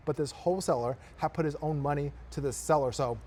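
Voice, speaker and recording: A man's voice: fairly high pitch, brisk, a little mellow, a little hiss or hum. A man, a real estate investor, talking emphatically in a casual podcast conversation, repeating his points for effect.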